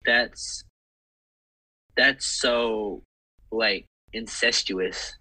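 A man chatting casually as a podcast guest, animated and rambling, full of squeamish exclamations. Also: fairly low pitch, drawn-out words, poor audio. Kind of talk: casual chat.

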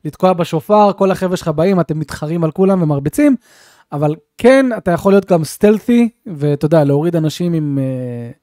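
A man co-hosting a casual gaming podcast, telling game stories with animated, acted-out bits. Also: on the high side, no echo, clean studio sound. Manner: animated storyteller, acts out scenes. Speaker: podcast co-host.

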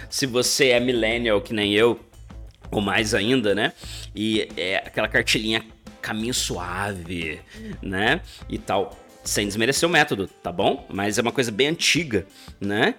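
A Brazilian man in his thirties with a Brazilian Portuguese accent, hosting a chatty podcast pronunciation lesson and slowing down to model English phrases. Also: fairly low pitch, fairly bright tone. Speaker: English teacher, podcast host. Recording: faint guitar music behind the voice.

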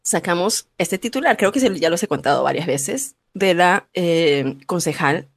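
A woman with a husky, slightly low voice co-hosts a casual podcast. She tells anecdotes in an animated storyteller's way, and the recording is dry and close. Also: normal speed, no room sound. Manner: animated storyteller, laughs often. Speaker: podcast co-host. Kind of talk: casual chat telling anecdotes.

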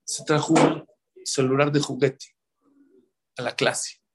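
A man's voice: mid-range voice, flat delivery, slow pace, noisy background. A man giving a religious talk, telling stories and repeating words for emphasis. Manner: storytelling, acting out quotes, repeats words for emphasis. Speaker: religious speaker. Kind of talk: sermon.

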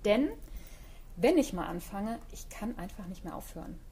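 Middle-aged woman, author guest, chatty and reflective, average pitch. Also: animated, moderate pace, dark tone, a little hiss or hum. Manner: reflective, chatty, many fillers. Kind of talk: casual interview talk.

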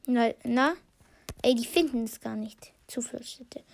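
High-voiced woman musing slowly on a book. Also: vocal fry, slight background noise. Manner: thinking aloud with many fillers and restarts; reads short passages aloud, then comments on them. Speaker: podcast host. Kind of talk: casual podcast commentary on a book.

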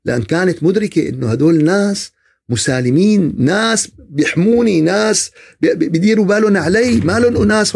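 A man's voice: high-pitched, vocal fry, slightly rough. A man giving a podcast religious talk, asking rhetorical questions and answering them himself. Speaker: religious speaker.

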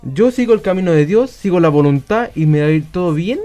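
A man with a mellow, warm tone and a slightly high pitch explains a point about faith in a measured, steady way. Faint music runs underneath. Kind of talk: casual faith chat.

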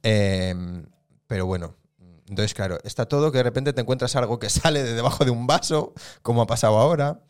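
A man hosting an interview, chiming in with quick reactions and jokes. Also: mid-range voice, clear, resonant tone. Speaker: interview host. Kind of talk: casual chat.

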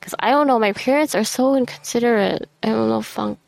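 A woman's voice: fairly high pitch, brisk, gravelly, darkish tone, no room sound. A tired woman venting frankly into her microphone at home, swearing now and then and close to tears. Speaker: vlogger. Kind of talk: casual ranting monologue. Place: messy room at home. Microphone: desk microphone.

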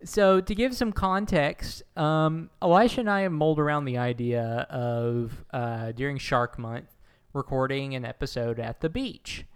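A man's voice: mid-range voice, unhurried, clear, resonant tone. A man co-hosting a podcast from his bathtub, joking through casual banter, his voice ringing with an echo like an indoor swimming pool. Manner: jokey, playfully absurd banter. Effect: echoey bathtub sound, like an indoor swimming pool. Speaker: podcast co-host. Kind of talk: casual chat. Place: inside his bathtub at home. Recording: echoey tiled-bathroom recording.

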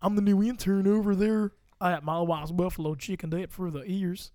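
Guy putting on a goofy texan voice, big hammy drawl, loud and bright. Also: high voice, steady tone, moderate pace, no room sound, studio quality, close to an everyday voice. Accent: Texas. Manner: exaggerated drawl, hammy and upbeat. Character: goofy Texan man doing a cheesy radio intro.

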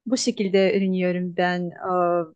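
A woman in her twenties from Russia with a Russian accent, answering interview questions in halting, simple non-native Turkish. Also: lowish voice, level tone, a little mellow, clean tone, no room sound, dull audio. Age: 20s. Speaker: interview guest, language learner. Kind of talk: casual interview.

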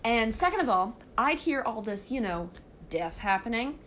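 A woman's voice: on the high side, big pitch swings, normal speed, a bit bright, a little hiss or hum. A young woman chatting casually in a bossy, ranting, playful way, breaking into sing-song fillers. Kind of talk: casual chat.

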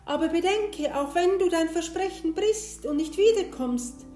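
A woman doing sing-song sly elf girls. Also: a little slow. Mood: teasing. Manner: high, sing-song, teasing. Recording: roomy echo, soft guitar behind.

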